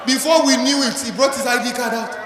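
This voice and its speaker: A man's voice: very high-pitched, steady tone, a little fast, raised voice. A Nigerian-accented man giving a motivational seminar speech, emphatic, using rhetorical questions and repetition. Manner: slips into Pidgin and Yoruba. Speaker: motivational speaker. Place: large event hall before an audience. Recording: echoey hall PA, crowd, faint noise.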